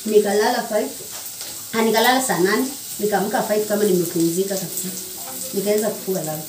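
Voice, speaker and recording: Cooking in a small home kitchen, a young Kenyan vlogger chats and teases at a quick pace in a medium-pitched voice, blending slang and English. Her camera sits on the counter a few feet off, giving a distant, echoey sound. Pans fry and sizzle loudly, adding background noise.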